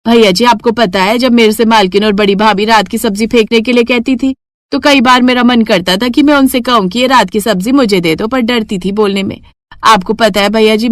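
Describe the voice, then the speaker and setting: A woman voicing a timid, poor housemaid in a cartoon, speaking softly and humbly. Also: fairly high pitch, no room sound, studio quality, lightly acted. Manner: soft, hesitant and humble.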